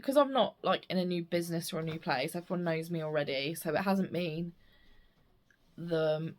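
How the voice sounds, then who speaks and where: A woman's voice: lowish voice, moderate pace. A British woman chatting casually to camera in a rambling, self-interrupting way, with slightly slurred speech from a missing front tooth. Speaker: stitching vlogger. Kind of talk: casual chat to camera about craft projects.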